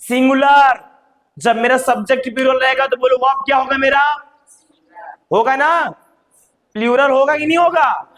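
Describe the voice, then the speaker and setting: A man with a notably high voice leads a grammar lesson. He drives it with rhetorical questions, spells words out letter by letter and calls his students child. He pushes key points with bursts of extra volume. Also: normal speed, pauses often, fairly bright tone. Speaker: English grammar teacher. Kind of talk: classroom lesson.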